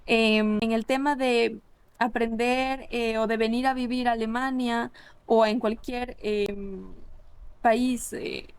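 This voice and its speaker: A young woman in her twenties from Ecuador, a linguist, speaks as a guest in a casual interview conversation, sharing her own experience. Thoughtful, reflective and earnest, she often pauses to restart phrases and uses many fillers. Her voice sits somewhat high, smooth and steady in tone.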